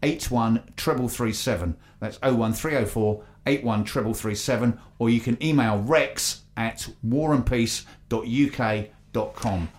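A man's voice: mid-range voice, unhurried, few pauses. A man with an English accent hosting a radio show, reading out announcements in a chatty, hesitant way. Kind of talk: live local radio presenting, reading announcements.

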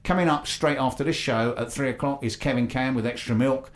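A man's voice: mid-range voice, brisk. English man presenting local radio. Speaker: radio show host. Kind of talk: live local radio presenting, reading announcements.

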